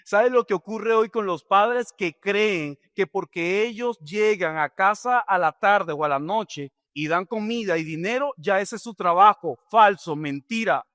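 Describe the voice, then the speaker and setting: High-voiced preacher, dry sound. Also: male voice, a little slow, hardly any pauses, fairly bright tone, no echo. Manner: direct, preaching with rhetorical questions, calls listeners "hermano". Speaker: pastor. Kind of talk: sermon.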